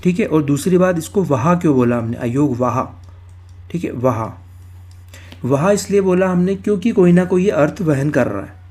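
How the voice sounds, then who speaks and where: A man's voice: a little high, animated, normal speed, darkish tone. A male Hindi grammar teacher giving an exam-prep lecture, explaining step by step, repeating key terms and asking and answering his own questions.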